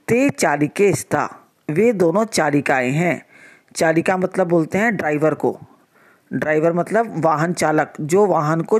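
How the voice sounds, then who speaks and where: A woman teacher explains a lesson to children at an unhurried pace. She repeats each line patiently, and her voice stays steady and plain. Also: fairly low pitch.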